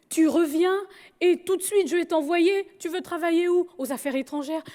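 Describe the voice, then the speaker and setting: A woman's voice: very high-pitched, darkish tone, pitched above the performer's own voice. A woman voicing her stern, authoritative older father, pressing and insistent as she quotes him.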